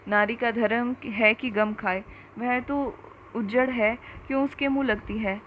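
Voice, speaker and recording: A woman's voice: a little high, steady tone, unhurried, a bit bright, a little hiss or hum, low-quality recording. Woman voicing a reproving old village priest. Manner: admonishing.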